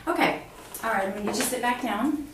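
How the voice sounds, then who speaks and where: A middle-aged female clinician with a fairly high voice speaks quickly, demonstrating a physical exam and explaining each step to a patient. She's recorded indoors in a small cinder-block exam room by a camera mic across the room, so the sound is distant, reverberant and noisy.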